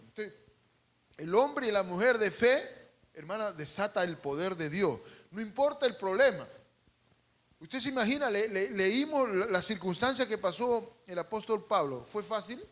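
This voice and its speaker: A man preaching a sermon to a congregation, calling out for responses, adding humorous asides, and swinging between loud and hushed. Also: high-pitched, lively intonation, moderate pace. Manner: calls out to the congregation and asks for responses. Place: church service.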